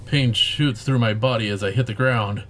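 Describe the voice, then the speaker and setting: A man's voice: mid-range voice, moderate pace, a bit bright, a little hiss or hum. A man reading a story game's narration aloud as he plays, breaking in with joking asides. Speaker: game streamer.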